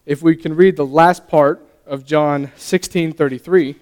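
Young male lay preacher, earnest and halting, smooth higher voice, long hall reverb. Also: fairly even intonation, darkish tone. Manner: earnest, halting, stumbles and restarts. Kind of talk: sermon.

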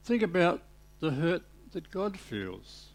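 A man preaching a sermon, retelling a parable with animated storytelling and little voiced parts for the characters. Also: on the high side, takes it slowly.

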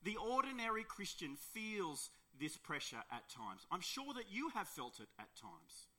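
An Australian man preaching to his congregation, telling stories in an easy conversational way. His voice is very bright and sits a little high for a man. He drops to quiet emphasis and asks the listeners questions. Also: very animated, a little slow. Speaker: pastor. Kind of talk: sermon with opening prayer and personal story.

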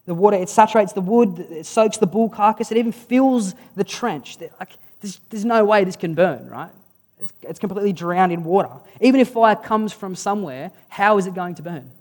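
Preacher in a reverberant hall. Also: mid-range voice. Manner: storytelling, dramatic pauses, lively and conversational. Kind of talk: sermon. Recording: long reverb of a large hall.

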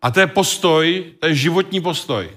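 A man preaching a sermon and reading from the Bible, with a measured, halting delivery full of pauses and hesitations, and an occasional cough. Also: on the high side, lively intonation, a bit bright.

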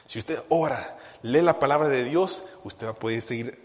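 A man preaching a sermon as pastor, animated, acting out little quoted voices from his congregation. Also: medium pitch, normal speed, big-room sound. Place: church.

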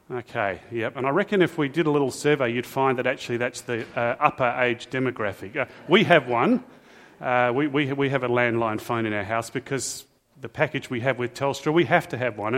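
A man's voice: medium pitch, fairly bright tone. A middle-aged man, preaching a sermon as pastor in a chatty storytelling way with asides to the congregation. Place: church. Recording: reverberant church hall.

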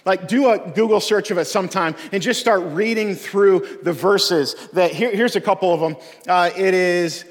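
A man with a high voice preaches a sermon in a long, echoing hall. He talks earnestly and casually, stumbling over repeated words and restarting phrases as he presses his point. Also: moderate pace, few pauses. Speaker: pastor.

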